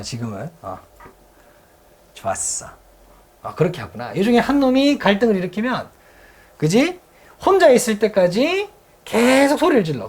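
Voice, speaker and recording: A teacher giving a casual grammar lecture in a classroom, explaining things with quick rhetorical questions. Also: mid-range voice, darkish tone, a little hiss or hum. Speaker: English teacher. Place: classroom with a blackboard.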